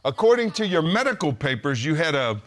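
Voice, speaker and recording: A man's voice: a little high, sing-song, fairly quick, fairly bright tone. A man presiding as a TV court judge, asking questions in a folksy, wry and playful way.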